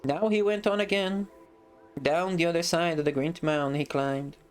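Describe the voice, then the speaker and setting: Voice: medium pitch, fairly even intonation, moderate pace, clear, resonant tone, soft background music. A streamer reading a fantasy novel aloud on a live stream, breaking off for casual, joking asides.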